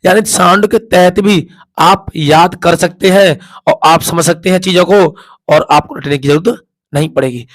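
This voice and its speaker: A man's voice: sits high, moderate pace. A man teaching a class, sounding out vowels again and again and asking questions that he then answers himself. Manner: repeats sounds aloud, asks and answers his own questions. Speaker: Hindi teacher. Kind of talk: classroom lesson at a board.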